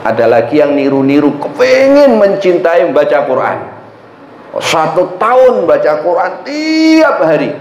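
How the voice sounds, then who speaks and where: Male mosque preacher, lively storytelling sermon, roomy echo, dull lo-fi sound with faint noise. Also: a little high, unhurried. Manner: lively storytelling, asks the congregation. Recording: echoey, dull lo-fi mosque recording.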